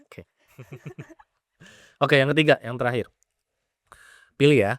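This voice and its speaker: A man's voice: mid-range voice, takes it slowly, fairly bright tone, no room sound, clean studio sound. A young man hosting a casual podcast interview, asking playful, teasing questions and mixing in English phrases. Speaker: podcast host.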